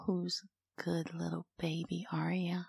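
A woman in a whispered intimate audio roleplay, talking slowly in a soft cooing manner close to the microphone. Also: fairly low pitch, completely flat delivery, gravelly, breathy edge, dry recording. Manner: slow, cooing, mostly whispered.

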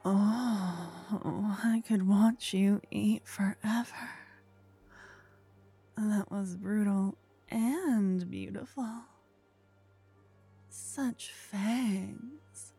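A woman's voice: medium pitch, extremely slow, mellow, slightly rough, soft background music, heavily acted. A woman voicing a teasing, possessive ghostly forest spirit in a whispered ASMR roleplay. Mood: admiring.

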